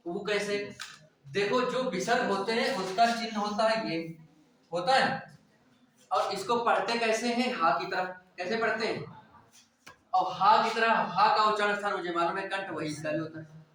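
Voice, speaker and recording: A man's voice: high-pitched, moderate pace, fairly bright tone, a little hiss or hum. A male teacher giving a classroom lecture. He asks questions and answers them himself, and keeps checking that the class is following. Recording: echoey room, voice from far off.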